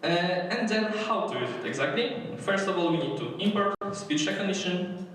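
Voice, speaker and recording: Speaking English with a Polish accent, a man leads a live coding workshop in a conference hall, halting with lots of fillers and restarts. His high, somewhat bright voice has lively intonation and a moderate pace; the distant mic captures hall echo and faint noise.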